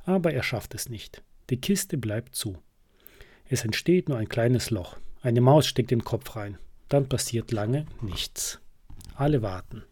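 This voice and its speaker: A man reading a children's storybook aloud as narrator, calm and storytelling, close to the mic. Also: mid-range voice, measured pace, slightly rough.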